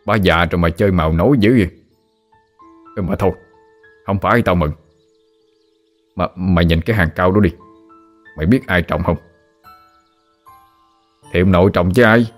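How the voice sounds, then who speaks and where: A gruff old country father in his late fifties with a Southern Vietnamese accent, deep-voiced and forever scolding and teasing his son, as a male storyteller puts him on. Faint music plays behind. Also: normal speed, long pauses, close to an everyday voice.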